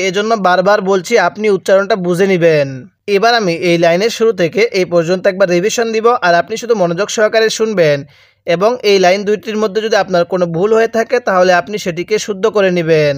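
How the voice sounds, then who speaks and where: A man teaching Quran reading, spelling out letters slowly and prompting the listener to repeat after him. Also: high-pitched, no echo, clean studio sound. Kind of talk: recitation lesson, call and repeat.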